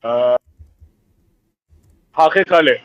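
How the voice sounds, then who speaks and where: A man's voice: mid-range voice, slow, fairly bright tone, muffled recording. A man from Tunisia with a Tunisian Arabic accent, calling into a live debate stream and stumbling over formal words. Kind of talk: casual call-in chat.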